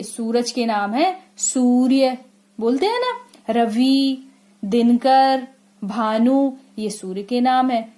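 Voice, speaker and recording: A woman school teacher giving a lesson to children. She asks questions, answers them herself and repeats things slowly. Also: high-pitched, a little mellow. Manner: slow, repetitive explaining.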